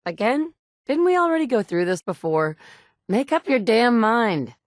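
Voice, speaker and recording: Voicing a blunt, tough woman who survives the wasteland and leads others, an actress gives terse, firm, often curt game lines for the player character from a studio booth. Her voice sits on the high side with big pitch swings, at a moderate pace. The recording is studio quality, with no echo.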